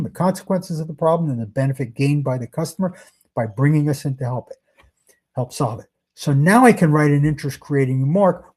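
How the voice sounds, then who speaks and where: A sales trainer runs a workshop presentation in a conversational, emphatic manner, throwing rhetorical questions at his listeners. His mid-range voice is a little mellow and slightly rough.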